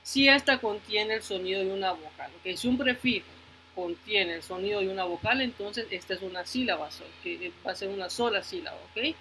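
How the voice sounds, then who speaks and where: A man's voice: sits high, fairly quick, bright, forceful tone, a little hiss or hum, poor audio. A male teacher giving a phonics lesson to children, patiently repeating words and checking in with the class, moving between Spanish and English.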